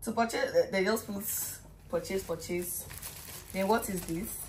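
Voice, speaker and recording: A young Nigerian woman chatting excitably and emotionally in an unboxing vlog, dropping into pidgin slang. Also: medium pitch, measured pace, slight background noise. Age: young adult. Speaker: vlogger.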